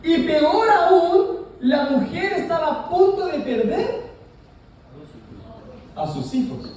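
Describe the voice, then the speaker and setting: A man's voice: very high-pitched, slow, far from the mic, a little hiss or hum. Man preaching in an echoey hall. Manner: lively, joking, asks the congregation to answer. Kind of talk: sermon. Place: large echoey church hall. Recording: very echoey hall, heard from afar.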